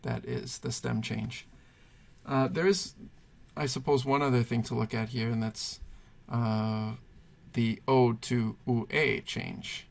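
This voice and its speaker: Writing on a whiteboard, this man patiently works through Spanish verb conjugations, reasoning aloud and calling attention to details as he goes. He speaks slowly in a steady mid-range voice with vocal fry.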